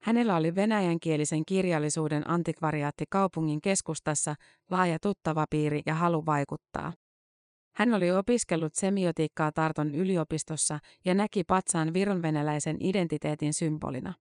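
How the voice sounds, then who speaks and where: Even, measured news article narrator. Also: medium pitch, clean tone, no echo, clean studio sound. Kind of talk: scripted narration of a long-form news article.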